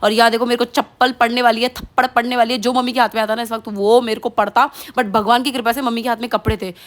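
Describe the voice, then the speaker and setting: A young woman in her twenties narrating her vlog in a casual voice-over, telling the story with lively energy and acting out how her family scolded her. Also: on the high side, fast. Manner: animated storytelling, mixing Hindi and English, acting out family's scolding. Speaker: vlogger.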